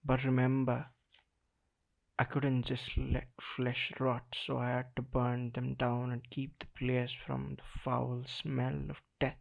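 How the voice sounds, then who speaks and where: A man recites first-person slam poetry at a very slow pace, his medium-pitched voice heavily creaky and the recording thin, like a phone. He performs dramatically, isolating short phrases with weighty pauses.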